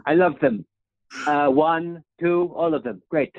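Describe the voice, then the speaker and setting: A man's voice: measured pace, close to an everyday voice. A young man impersonating a boastful male president who rambles, praises himself and keeps ending lines with "okay?". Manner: rambling, repeats "okay?" with a dropping pitch. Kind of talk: comedic impression sketch. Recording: tinny phone-like sound.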